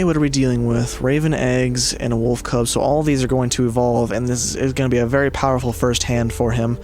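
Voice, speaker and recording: A man giving casual commentary on a game playthrough, musing aloud as he goes. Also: medium pitch. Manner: muses aloud, mildly swears. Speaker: gaming video player and commentator.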